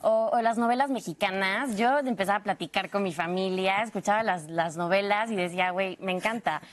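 A young woman from Venezuela, a guest in a TV interview, talking in a lively way with fillers and restarts. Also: medium pitch, a little fast. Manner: lively, laughs often, full of fillers and restarts. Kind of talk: TV interview, switching between imitated accents.

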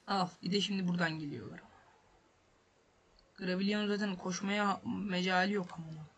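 A man's voice: sits high, fairly even intonation, normal speed, fairly bright tone. A man hosting a gaming channel, commenting on his football game as he plays, frustrated, swearing and repeating himself. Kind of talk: let's play commentary.

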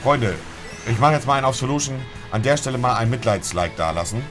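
A man's voice: mid-range voice, animated, fast talker, over music. A young man giving casual, slangy, grumbling gameplay commentary as a streamer among friends. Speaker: gaming streamer.

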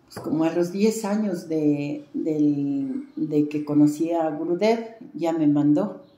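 A woman's voice: low voice, takes it slowly, warm tone, echoey room. A woman with a Mexican accent, a traditional healer, telling a long story in an interview with many fillers and restarts.

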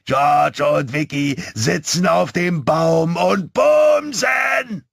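A man voicing a foul-mouthed evil little boy who hurls shrill, drawn-out taunts in a storybook reading. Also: animated, gravelly, fairly bright tone, no echo, shouting, studio quality, heavily acted. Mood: taunting.

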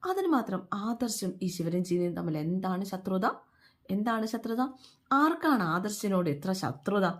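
A woman retells a TV serial's episode in a loose, chatty way. She keeps asking her listeners questions and slips into the characters' lines, and her voice sits at an ordinary middle pitch. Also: big pitch swings, measured pace. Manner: chatty, with many fillers, asks listeners questions, acts out quoted dialogue. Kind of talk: casual spoken recap of a TV serial.

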